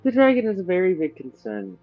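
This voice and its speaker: A man's voice: high-pitched, wildly swooping pitch, brisk, soft background music. A man voicing a touchy, sarcastic young male adventurer who rambles in a tabletop role-play, on dull lo-fi audio.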